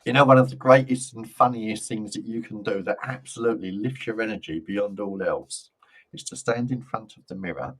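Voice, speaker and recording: A man doing live psychic card readings in a gentle, reassuring and jokey way. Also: on the low side, brisk. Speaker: psychic reader.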